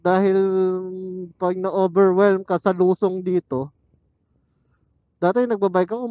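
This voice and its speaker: A man vlogs from his motorcycle on mountain roads outdoors, talking loosely and musing aloud as he rides. He speaks a little high, with no echo, through a helmet intercom headset serving as an external mic, so the recording sounds muffled.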